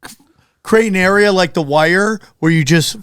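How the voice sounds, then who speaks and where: A man's voice: sits high, normal speed, fairly bright tone, clear, resonant tone, dry recording, clean studio sound. A man co-hosting a podcast, trading crude jokes in casual banter and laughing often. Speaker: podcast co-host.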